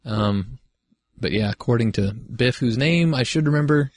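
A man's voice: medium pitch, moderate pace, no room sound. A man co-hosting a podcast, talking casually and swearing freely during a movie commentary. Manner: relaxed, chatty, swears freely. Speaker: podcast co-host.

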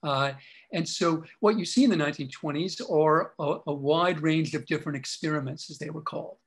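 A man's voice: fairly high pitch, a little fast, husky, rough recording. A man answering interview questions as an author and historian, talking at length with many fillers and restarts.

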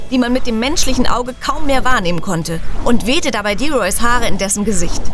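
Female audiobook narrator, slightly high, expressive, soft music bed. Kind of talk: scripted story narration.

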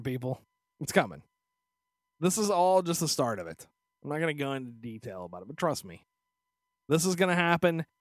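A man's voice: on the high side, no room sound, studio quality. A man co-hosting a podcast in casual, irreverent chat, joking crudely and acting out quotes. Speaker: podcast co-host.

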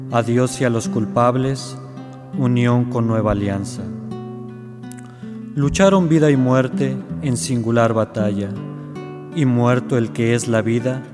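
A male lector declaims sacred verse solemnly, phrase by phrase. His voice sits at a middle pitch in a long church reverb, with plucked guitar clearly playing behind him. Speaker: lector reciting the Easter sequence. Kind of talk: solemn liturgical verse recitation. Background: plucked guitar music.

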